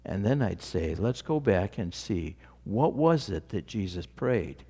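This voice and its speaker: A man preaching a sermon, dramatic in his delivery and dropping to a near hush at key moments. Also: on the low side, very animated, unhurried, breathy edge. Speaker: pastor.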